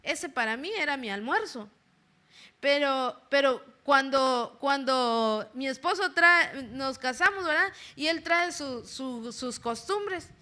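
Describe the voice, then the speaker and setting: A woman's voice: high voice, expressive, slow pace, bright, forceful tone. A woman giving a chatty church sermon who keeps checking in with a questioning "right?" and asks the congregation questions. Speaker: lay preacher. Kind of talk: conversational sermon. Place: church service.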